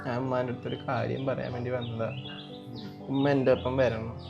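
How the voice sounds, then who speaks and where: A man's voice: mid-range voice, level tone, brisk, gravelly, dull audio, lightly acted. A man playing a guilt-ridden grown son, crying and pleading with his mother to come home. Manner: pleading, tearful, repeats himself. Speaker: actor in a family web series. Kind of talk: melodramatic web series acting. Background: background music.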